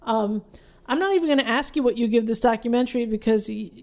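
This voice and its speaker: Rambling chatty woman, higher voice. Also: quick pace. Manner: rambling, frequent restarts, animated when ranting. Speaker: podcast co-host. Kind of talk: casual chat.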